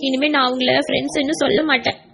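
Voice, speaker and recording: A woman's voice: high voice, little pitch movement, quick pace, vocal fry, fairly bright tone. A woman voicing a stubborn, hurt little girl in an insistent, childlike way for an audiobook. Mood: earnest. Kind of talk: audiobook character voice.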